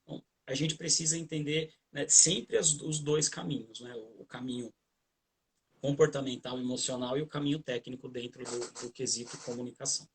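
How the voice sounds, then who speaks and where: A man's voice: medium pitch, fairly even intonation, moderate pace, slightly rough. A Brazilian man, a guest trainer on a livestream video call, giving conversational advice with hesitant restarts and repeated fillers.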